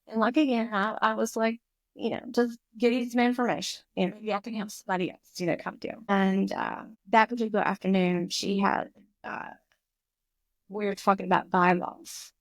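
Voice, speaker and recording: A woman in her fifties, a podcast guest, telling a personal story in an animated, emotional way. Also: mid-range voice, fairly quick, no echo. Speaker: guest, recovery school founder.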